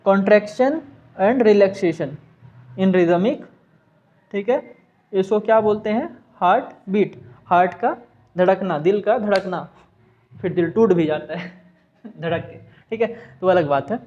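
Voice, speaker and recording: In this class lesson, a Hindi-accented science teacher speaks in a high voice with a dark tone, unhurried and with long pauses, on audio missing its high frequencies. He asks his own questions, answers them, and slips English terms into his explanations.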